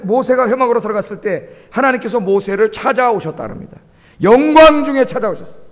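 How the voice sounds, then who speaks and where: A male pastor preaching a sermon, often asking the congregation questions and urging them on with emphasis. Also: high voice. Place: church sanctuary. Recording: long church hall reverb.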